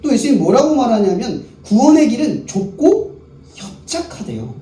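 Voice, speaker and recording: In a worship hall, a male pastor with a very high, sing-song, mellow voice preaches at a moderate pace to a youth service. He keeps the crowd engaged by posing questions and answering them himself. The room is echoey, his voice is picked up from a distance, and there is faint background noise.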